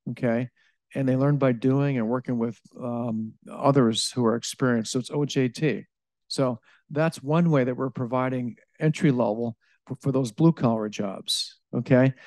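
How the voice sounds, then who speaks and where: At a live presentation Q&A, a utility innovation director fields audience questions in a mellow, dark, medium-pitched voice. He halts and restarts a lot, fills pauses with "um," and keeps adding "okay?" The recording is dry and close, with no echo.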